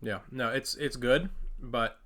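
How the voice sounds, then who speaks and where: A man co-hosting a home food review, chatting casually about cookies in halting speech full of pauses. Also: medium pitch, steady tone, a bit bright. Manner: halting, with many pauses and fillers. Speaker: co-host of a food review channel. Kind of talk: casual taste-test chat. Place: home kitchen.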